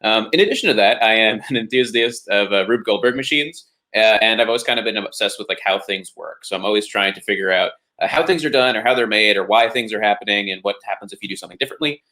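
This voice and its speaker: A man's voice: fairly low pitch, quick pace, hardly any pauses, bright, forceful tone. A man guest on a roundtable show, a wrestling referee, introducing himself in an eager, rambling way with many fillers. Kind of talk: casual roundtable chat.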